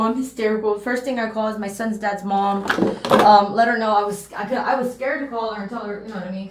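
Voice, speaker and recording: A woman's voice: mid-range voice, roomy sound. A woman vlogger telling a personal story to the camera in a rambling, emotional way.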